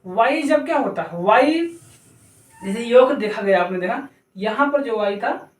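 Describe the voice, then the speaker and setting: A man teaching English pronunciation, slowly spelling words out letter by letter and repeating each point. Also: extremely high pitch, expressive. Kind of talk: explanatory lesson. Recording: echoey room, mic at a distance.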